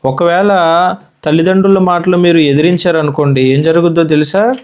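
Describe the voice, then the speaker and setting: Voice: medium pitch, fairly quick, a little mellow. A Sunday school teacher from India giving a children's Bible lesson in a church classroom, asking the children questions and repeating their answers.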